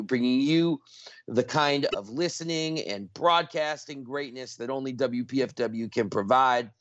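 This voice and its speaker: A man hosting a radio talk show, speaking with energy and emphasis as he makes a pledge appeal and spells out details slowly. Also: medium pitch, fairly bright tone, no room sound.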